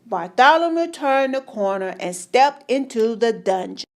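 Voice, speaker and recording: Slow, high-voiced woman reading a storybook. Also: lively intonation. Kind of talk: read-aloud storybook narration.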